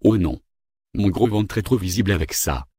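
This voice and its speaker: A man's voice: deep voice, lively intonation, normal speed, warm tone, slightly rough. A man voicing an irritable government minister who grumbles and gets impatient, in a read-aloud story. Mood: irritated.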